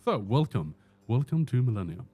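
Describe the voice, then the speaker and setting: A game streamer from Sweden speaks at normal speed in a medium-pitched, mellow, slightly rough voice with a sing-song lilt. In his Swedish accent, he jokes and chats through live gameplay, answering chat's questions from an indoor room with a door.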